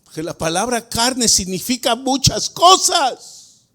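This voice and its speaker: A male pastor with a notably high voice preaches a sermon in a church at a slow, drawn-out pace. He throws questions to the congregation and swings from hushed explanation to loud, shouted emphasis. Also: big pitch swings. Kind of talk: Spanish-language sermon. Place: church sanctuary.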